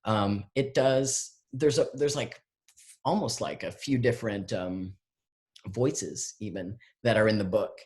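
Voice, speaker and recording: A man, a guest artist, answering audience questions in a halting, rambling way full of fillers and restarts, heard over a video call. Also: fairly low pitch. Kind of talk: casual conversation, answering questions.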